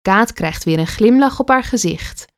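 A woman reading a children's story aloud with an expressive delivery. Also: medium pitch, moderate pace.

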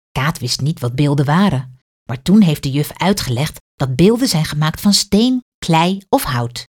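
Woman reading a kids' story, low voice but really lively. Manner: clear, expressive read-aloud. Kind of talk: reading a children's story aloud.

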